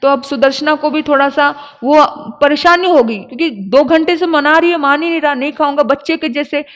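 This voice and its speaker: Woman preacher, dramatic emotional storytelling, very high voice, long hall reverb. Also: normal speed. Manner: dramatic, emotional storyteller who shifts into song. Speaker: Jain nun preacher. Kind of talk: sermon storytelling. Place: live sermon hall.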